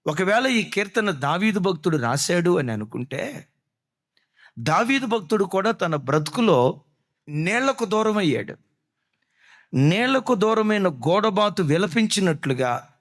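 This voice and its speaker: A man preaching a sermon as pastor, dramatic in delivery, asking the congregation rhetorical questions and acting out prayers. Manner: dramatic preaching, voicing prayers with sudden drops and rises in pitch.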